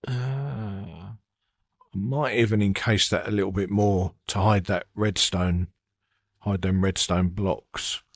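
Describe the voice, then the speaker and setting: A man narrating his own gameplay in a relaxed, casual way, thinking aloud with frequent fillers. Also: on the low side, slow, dry recording. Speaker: gaming channel host.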